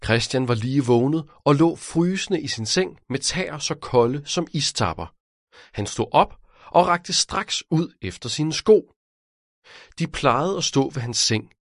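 A man's voice: medium pitch, dry recording, clean studio sound. A man, the author, narrating his own children's detective audiobook and speaking directly to a young listener. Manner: lively, addressing a child listener.

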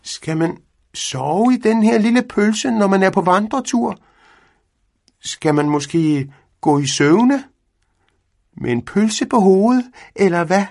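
A man voicing an eager, cheeky young male cat in a storybook reading, in a raspy, high, excited voice. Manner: excited, quick questions.

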